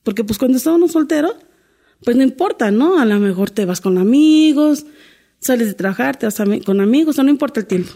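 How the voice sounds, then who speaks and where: A woman's voice: on the high side, expressive, quick pace, warm tone. A middle-aged woman, a domestic worker telling her life story in an interview, earnest and full of restarts. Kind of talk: candid interview conversation.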